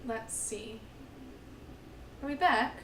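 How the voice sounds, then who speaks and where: A woman's voice: on the high side, extremely slow, recorded from a distance, very noisy. A woman, an actress, chatting casually and playfully while playing a video game with a friend and bursting into song now and then. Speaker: actress and guest gamer. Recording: roomy sound, off mic, music behind.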